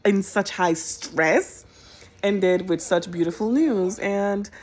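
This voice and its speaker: A young woman telling a personal story to her viewers in a casual, animated, emotional way. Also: medium pitch, takes it slowly. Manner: animated, emotional, colloquial, bursts into laughter.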